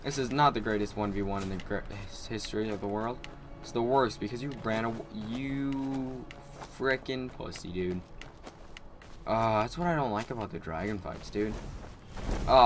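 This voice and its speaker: A young man giving excitable let's play commentary as he plays, taunting and swearing at enemies. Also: lowish voice, noisy background. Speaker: gamer playing through an open-world game.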